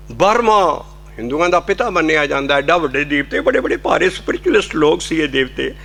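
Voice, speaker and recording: A man's voice: high-pitched, vocal fry, bright, forceful tone. A man giving a devotional sermon, explaining scripture and breaking into sung hymn lines. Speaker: kirtan singer and preacher.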